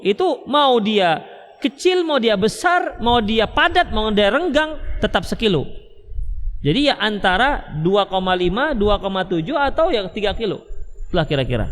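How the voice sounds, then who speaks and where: A man from Medan, Indonesia, giving an Islamic study lecture, joking and acting out husband-and-wife exchanges. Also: high-pitched. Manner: animated, joking, acts out husband-wife dialogues. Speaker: Islamic religious teacher. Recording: echoey hall reverb.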